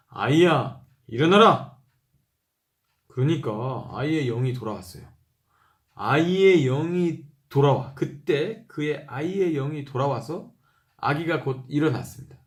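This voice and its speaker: A man reads Bible passages at an unhurried pace, going back over key verses. He breaks off now and then to explain things in a relaxed, conversational way. He raises his voice when he reads out quoted speech. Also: mid-range voice. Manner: reads slowly, repeating verses and pausing to explain. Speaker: Bible reader. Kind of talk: reading scripture aloud with commentary.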